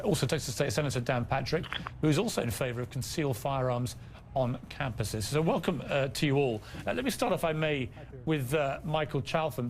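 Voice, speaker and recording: A man's voice: medium pitch, slight background noise. A man hosting a live news interview, pressing his guests with pointed, argumentative questions. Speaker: news show host.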